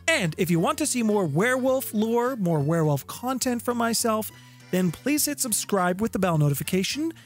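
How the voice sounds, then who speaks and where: Speaking at normal speed in a high, very animated voice, a middle-aged man hosts a tabletop game lore channel and delivers a scripted, playfully theatrical explainer. The setting is an indoor home room with guitars, with a close studio condenser mic, a pop filter, and background music.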